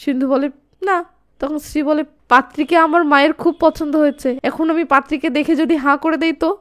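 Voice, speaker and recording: A woman narrating a movie recap in a lively storytelling way, reading every character's dialogue in her own voice. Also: high-pitched, quick pace.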